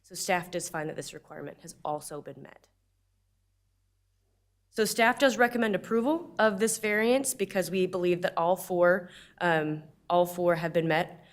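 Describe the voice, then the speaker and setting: A woman with a slightly low voice presents as town staff at a public meeting. Her delivery is plain and explanatory, with an informal touch. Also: moderate pace.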